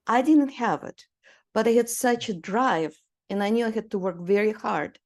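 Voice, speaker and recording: Speaking at normal speed with a fairly high pitch, a Romanian woman in her sixties shares her story as a guest artist in a conversational interview. She uses fillers and light laughs as she goes.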